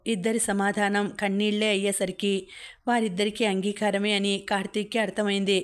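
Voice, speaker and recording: A woman narrating a novel as an audiobook, telling it in a steady storytelling voice. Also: mid-range voice, fairly quick, clean tone.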